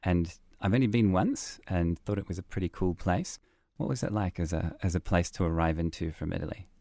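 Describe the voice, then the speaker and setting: A man's voice: deep voice, fairly quick, creaky, mellow, no room sound, studio quality. A man hosting a podcast, welcoming a guest and asking questions in an upbeat manner. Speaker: podcast host. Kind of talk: casual podcast interview.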